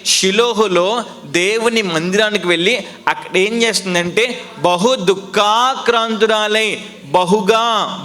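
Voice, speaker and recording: A man's voice: high voice, sharp tone. A man preaching a sermon as pastor, emphatic and repetitive, full of rhetorical questions and call-and-response.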